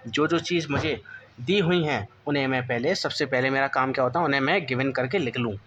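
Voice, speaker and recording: A man's voice: mid-range voice, a bit bright, a little hiss or hum. Man tutoring class ten physics. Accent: Indian English. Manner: addresses students as beta, repeats "theek hai" often; reads English textbook lines slowly and deliberately. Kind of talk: board-exam coaching lesson.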